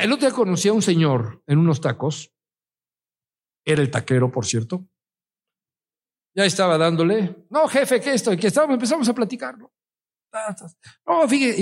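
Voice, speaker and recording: A middle-aged man with a Mexican Spanish accent, preaching a sermon in a conversational way, with stories and rhetorical questions. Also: sits high. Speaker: pastor.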